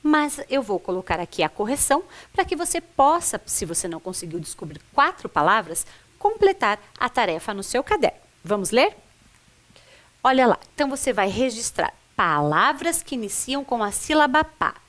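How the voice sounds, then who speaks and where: A woman's voice: fairly high pitch, very animated, normal speed, a bit bright. A woman teacher giving a recorded literacy lesson for adults, sounding out words syllable by syllable in an encouraging way. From Brazil.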